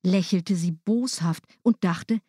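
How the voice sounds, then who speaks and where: A lively woman reading a fairy tale. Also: medium pitch, a little slow, dry recording, clean studio sound. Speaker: storyteller. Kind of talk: fairy-tale read aloud.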